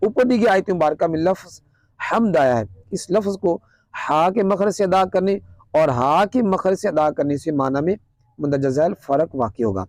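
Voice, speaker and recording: A man with a Pakistani Urdu accent teaches a religious lesson, speaking in an earnest, explanatory way. His voice sits fairly high. He slows right down to recite Arabic lines, and the recording is dry and close. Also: lively intonation, a little mellow, dry recording. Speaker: Quran teacher.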